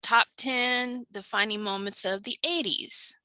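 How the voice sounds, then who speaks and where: A woman's voice: fairly high pitch, fairly even intonation, unhurried, pushed and bright, no echo. A woman co-hosting a casual online chat from her home studio, goofy and giggly, over a video call. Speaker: co-host.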